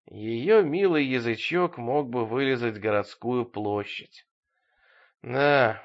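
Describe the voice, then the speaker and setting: A man narrating an audiobook with ironic, expressive storytelling. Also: mid-range voice. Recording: dull lo-fi audio.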